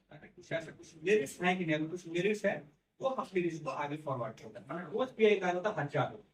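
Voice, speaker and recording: The lecture comes from a man with a high-sitting voice who explains things in steps and checks in with his class, often saying "theek hai" and "hai na." Lacking a microphone and far from the recorder, he sounds remote in an echoing classroom.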